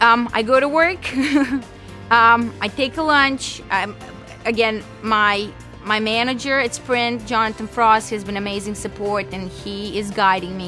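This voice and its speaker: A woman's voice: fairly high pitch, sharp tone. A woman in her twenties from Serbia, talking casually in an interview and laughing easily. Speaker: interviewee, aspiring skeleton athlete.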